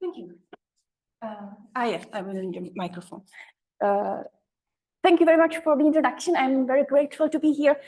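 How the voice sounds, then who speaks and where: A woman's voice: high voice, fairly quick, pauses often, a little mellow. A woman presenting a paper at an academic conference, hesitant and often correcting herself.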